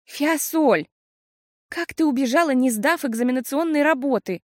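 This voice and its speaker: A woman's voice: a little high, animated, a little fast, gravelly, a little mellow, husky, no echo, clean studio sound, exaggerated voice. A woman reading an audiobook, voicing a blunt, candid older sister. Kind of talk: audiobook character voice.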